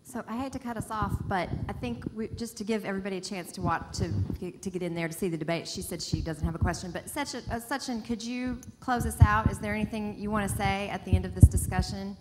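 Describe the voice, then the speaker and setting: A woman hosting a panel discussion in a library auditorium, brisk and polite as she wraps things up. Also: medium pitch. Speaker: event host wrapping up a panel. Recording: noisy auditorium recording.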